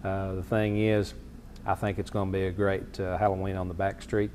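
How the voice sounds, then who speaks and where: A man's voice: sits low, little pitch movement, normal speed, darkish tone. A man chatting casually. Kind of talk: casual chat. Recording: long reverb, faint noise.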